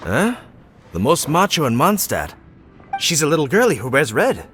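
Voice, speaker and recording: An actor playing a dramatic, earnest, friendly bard telling tales in a video game. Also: male voice, fairly high pitch, wildly swooping pitch, normal speed, over music. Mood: dramatic storytelling. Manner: theatrical, earnest. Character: dramatic, soulful male bard, friendly storyteller. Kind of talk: video game character dialogue.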